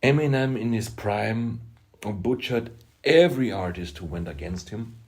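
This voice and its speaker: Slow, low-voiced Austrian man. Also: animated, darkish tone. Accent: Austrian German. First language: German. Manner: emphatic, halting, self-deprecating asides. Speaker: music producer and rapper. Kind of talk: opinionated vlog monologue.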